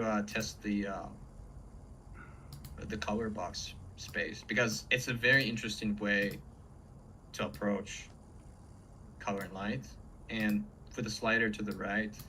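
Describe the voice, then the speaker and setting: A man's voice: fairly low pitch, pushed and bright, poor audio. A man who teaches painting, chatting casually and enthusiastically on a livestream in an informal way. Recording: faint background room noise.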